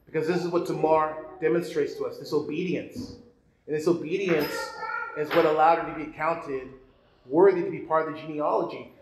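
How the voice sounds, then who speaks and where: Guy priest preaching a homily, kinda high voice, lots of room echo, faint hum behind. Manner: earnest preaching, rhetorical questions and repetition. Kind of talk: sermon. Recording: echoey church room, faint ambience.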